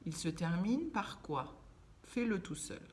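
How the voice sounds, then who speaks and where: A woman gives a lesson to young children, stretching out each word with care. Her pace is very slow, and her pitch moves up and down a great deal. Her voice sits a little low for a woman. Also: sing-song, darkish tone. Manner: slow, carefully enunciated, stretching words for children. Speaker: teacher.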